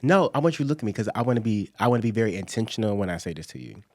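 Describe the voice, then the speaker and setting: A man's voice: on the low side, rapid-fire, creaky. A man co-hosting a casual podcast, telling stories dramatically with lots of laughing. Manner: animated, dramatic storytelling with laughs. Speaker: podcast co-host.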